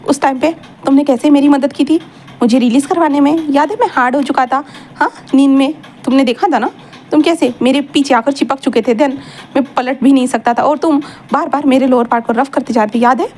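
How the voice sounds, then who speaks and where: A woman voicing a calm, teasing young man who dotes on his partner. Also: sits high, fairly quick, slight background noise, close to an everyday voice. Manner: playful, teasing.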